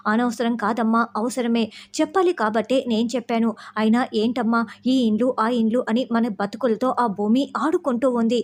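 An angry young man who fires harsh, accusing questions, as a woman reading a TV serial recap puts him on. The voice sits a little high and keeps an everyday storytelling tone. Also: moderate pace, lightly acted. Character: angry young man scolding his former love.

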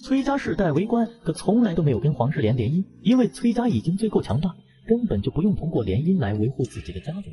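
快节奏讲故事的男声旁白. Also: male voice, a little high, big pitch swings, muffled recording. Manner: brisk storytelling. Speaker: narrator. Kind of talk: comic recap narration.

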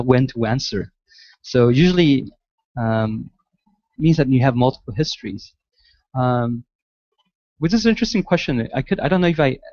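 A man's voice: mid-range voice, a little mellow, dry recording, dull audio. A man from Malaysia who grew up in the United States, answering audience questions at a lecture in a hesitant way with many restarts. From Malaysia, raised in the United States. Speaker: guest architect lecturer. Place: large lecture hall.

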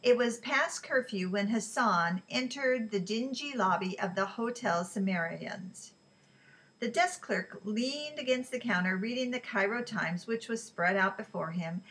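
A woman reading a novel aloud in a relaxed way, sometimes stumbling and correcting herself. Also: mid-range voice, a little slow, rough recording. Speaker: reader.

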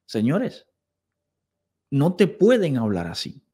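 A man's voice: medium pitch, wildly swooping pitch, takes it slowly, mellow, slightly rough. A man commenting on played clips, sarcastic and indignant, mockingly repeating quoted phrases. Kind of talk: video commentary.

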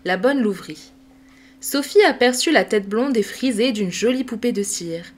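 A woman reading a classic children's novel aloud as an audiobook, with measured, clear storytelling. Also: fairly high pitch, animated. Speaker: audiobook reader. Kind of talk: scripted narration.

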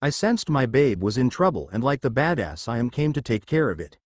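A man's voice: mid-range voice, sing-song, fairly quick, dry recording. A man voicing a cocky young male demon fighter, with a smug, teasing drawl.

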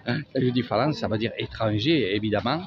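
Strolling through an outdoor market, a man with a fairly low voice and a Marseille accent narrates in a chatty, sing-song vlogger style. The recording sounds dull and lo-fi, carrying music and slight background noise.

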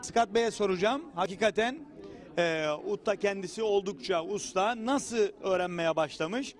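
A man's voice: high voice, normal speed. A young man, a native Turkish speaker, interviewing guests on location for television. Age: young adult. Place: indoor cultural center event rooms. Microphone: handheld microphone.

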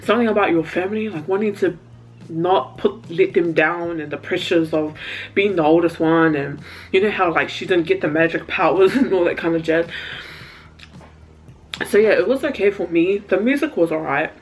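A woman's voice: lowish voice, normal speed, low-quality recording. A woman vlogger chatting casually to camera while eating, talking loosely with many "like"s and frequent laughs. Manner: chatty, laughs often, lots of "like". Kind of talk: casual mukbang chat to camera.

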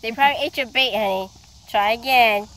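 A woman's voice: fairly high pitch, a little fast, a bit bright. A woman in her thirties, a mother filming her children fishing at a lakeshore, cheering and encouraging them. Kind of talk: family outing home video. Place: rocky lakeshore outdoors. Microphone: handheld camera.

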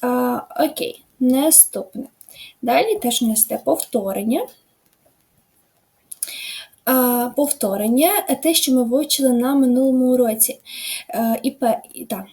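High-voiced, mellow woman teacher. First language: Ukrainian. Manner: patient, explains step by step with many fillers. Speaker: English teacher. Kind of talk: online language lesson.

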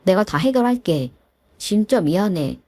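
A woman voicing a meek, apologetic young husband who pleads softly. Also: mid-range voice, big pitch swings, unhurried, no room sound.

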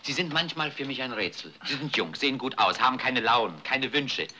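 An actor playing a fatherly doctor in a 1950s film, gently persuasive and protective. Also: medium pitch, lively intonation, a little fast. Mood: gentle. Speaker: doctor, older family friend. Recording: old film soundtrack with hiss.

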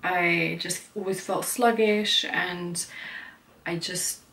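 A woman's voice: lowish voice, steady tone, takes it slowly, creaky, a bit bright, distant mic. A young woman chatting casually to camera as a beauty vlogger, filling her talk with "like" and "you know".

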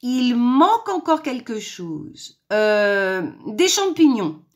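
A woman's voice: fairly high pitch, sing-song, pitched above the performer's own voice, exaggerated voice. Woman doing a sly, bossy mother hen. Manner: brisk, bossy, sweetly scheming. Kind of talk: storybook reading for children.

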